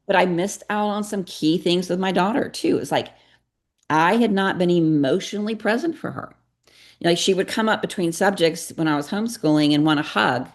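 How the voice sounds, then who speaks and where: A middle-aged woman with a deep, gravelly voice, speaking as a podcast guest. She talks earnestly and confessionally and acts out snatches of dialogue as she tells her story. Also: brisk. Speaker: guest, psychotherapist and parenting coach.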